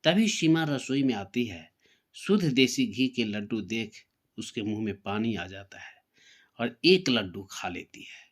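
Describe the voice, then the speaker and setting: A man narrating a family story in a plain, steady reading voice. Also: mid-range voice, a little slow. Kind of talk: scripted narration.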